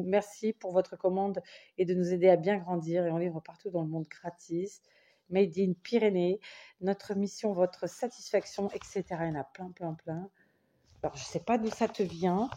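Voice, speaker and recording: A woman from France with a lowish, warm voice shows viewers the craft paper parcel she received. In this casual unboxing chat she's enthusiastic, thinks out loud, restarts and trails off, and keeps saying how much she loves every item.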